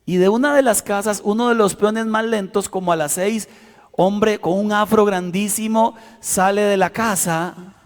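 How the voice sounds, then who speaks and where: Male pastor, high-pitched, theatrical delivery, church hall reverb. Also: steady tone, unhurried. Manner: dramatic, acts out shouts and quotes. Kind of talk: sermon with personal story.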